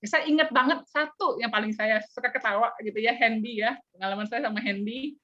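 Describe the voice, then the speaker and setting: Woman, trainer, online talk, rather high voice, sharp tone, animated storyteller. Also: brisk. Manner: animated storytelling with playful sound effects. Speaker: personality trainer. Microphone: video call. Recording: dull lo-fi video call audio.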